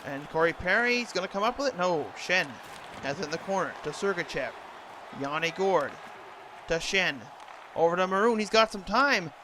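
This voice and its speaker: A man's voice: high voice, expressive, normal speed, pushed and bright, a faint crowd. A man doing play-by-play hockey commentary for a video game, imitating a TV sports announcer's delivery. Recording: noisy, game sound throughout.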